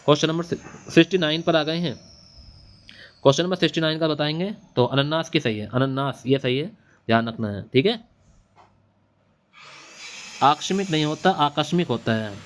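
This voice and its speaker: A man's voice: a little high, a bit bright. Man drilling exam answers, repetitive. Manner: repetitive, drilling answers with quiz-back questions. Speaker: teacher. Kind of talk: exam-prep Hindi lesson. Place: classroom or home studio at night. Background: faint hiss of a machine running nearby.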